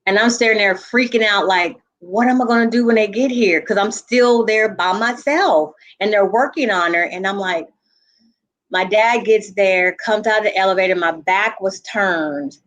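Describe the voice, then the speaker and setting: A woman in a group conversation, telling a painful personal story earnestly, with halting restarts and frequent asides of "you know". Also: medium pitch, fairly bright tone. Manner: earnest, reliving a painful memory. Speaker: panel guest.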